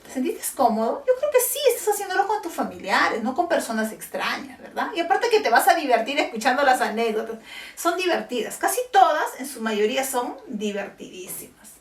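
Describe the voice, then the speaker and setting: A woman teacher with a high, sing-song voice speaks fairly quickly to schoolchildren on camera. Friendly in manner, she often pauses to check in with short questions, her voice sounding distant in an echoey room.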